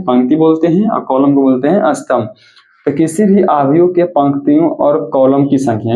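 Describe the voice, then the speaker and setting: Man teaching maths in an echoey room. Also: on the high side. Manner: repetitive, asks and answers his own questions. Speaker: mathematics teacher. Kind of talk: classroom lecture. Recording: echoey, tinny phone-like audio.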